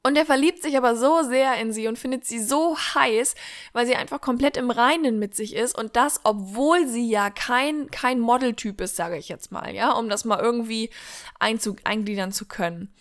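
A woman's voice: fairly high pitch, moderate pace. A woman hosting her own podcast, talking casually and eagerly retelling a film with many fillers. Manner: warm, enthusiastic retelling with frequent fillers. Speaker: podcast host.

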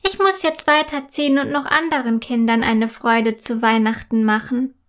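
A woman voicing a kind, gentle little Christmas angel girl in a children's story, in a soft, reassuring tone. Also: a little high, fairly even intonation, moderate pace, close to an everyday voice.

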